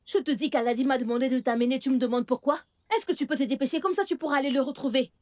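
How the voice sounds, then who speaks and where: A woman dubbing a stern, sharp-tongued aunt into French for a Nigerian film. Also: a little high, animated, moderate pace. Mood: scolding. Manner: scolding and impatient. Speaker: aunt of a young girl.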